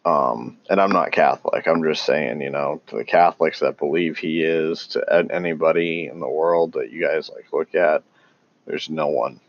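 Very deep, gravelly, slow-talking man. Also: muffled recording. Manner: halting, many ums and restarts; calls himself tongue-tied. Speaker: religious commentator. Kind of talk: casual unscripted talk on scripture.

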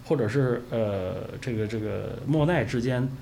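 A man's voice: medium pitch, a little slow, creaky, mellow, a little hiss or hum. A man speaking as an interview guest, chatting casually in a modest, easygoing way.

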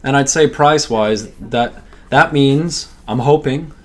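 A man's voice: medium pitch, unhurried. A man co-hosting a podcast, chatting casually, rambling from topic to topic and swearing now and then. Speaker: podcast co-host. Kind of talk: casual chat.

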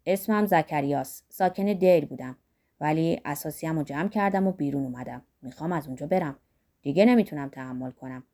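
A woman's voice: low voice, mellow, voice pushed down. A woman voicing a wild-eyed, half-mad male monk who rants and pleads fervently, in an audiobook. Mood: aggrieved.

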